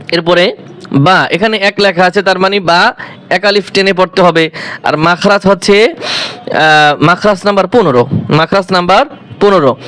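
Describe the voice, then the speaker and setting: High-voiced male Quran teacher. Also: fairly bright tone. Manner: patient, repeats each letter aloud several times; asks the class questions and answers them himself. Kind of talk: step-by-step recitation lesson.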